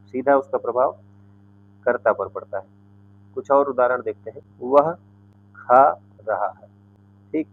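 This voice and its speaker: Man, grammar teacher, step-by-step explanations, mid-pitched voice, dry lo-fi recording. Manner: explains step by step, often checks with "ठीक है". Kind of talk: grammar lesson explaining with examples.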